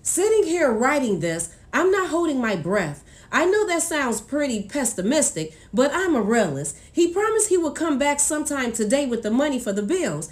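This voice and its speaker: High, expressive woman narrating a story. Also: normal speed, hardly any pauses. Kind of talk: first-person audiobook narration.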